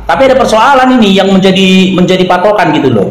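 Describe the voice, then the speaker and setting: A man's voice: high-pitched, big pitch swings, quick pace, roomy sound, a crowd in the background, low-quality recording. A man arguing his point step by step in a live online debate. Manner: argumentative, reasoning step by step. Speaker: debate participant.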